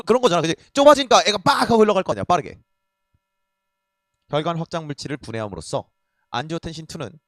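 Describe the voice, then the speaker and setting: Fast, lively casual male tutor. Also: on the high side, dry recording. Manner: casual, blunt, swears freely, keeps asking students to check along. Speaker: Korean language tutor. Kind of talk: lecture on reading a passage.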